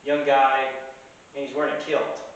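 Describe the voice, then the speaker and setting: Speaking at a moderate pace in a completely flat, mid-range voice, a middle-aged man who runs a tavern rambles through a casual story packed with fillers and false starts. It was recorded in the tavern, and the lo-fi sound is distant and very echoey, with faint hiss.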